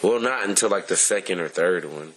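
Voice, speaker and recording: Male co-host, very low voice, playful teasing delivery, faint background hum. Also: fairly bright tone, low-quality recording. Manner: joking, teasing, quick interjections. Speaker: podcast co-host. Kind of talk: casual chat about movies and sports.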